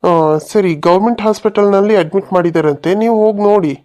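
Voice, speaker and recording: A man voicing a village neighbor and a husband in a cartoon comedy, reasoning in a plain, hurried way. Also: sits high, mellow.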